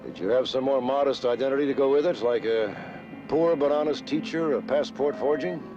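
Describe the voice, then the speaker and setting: A commanding police captain played by a man from a 1970s TV crime drama. He has a medium-pitched voice and a brisk, dryly ironic, authoritative delivery, with music clearly behind him. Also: dull audio, close to an everyday voice. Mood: dry, sardonic. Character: commanding police captain with dry, wry humour.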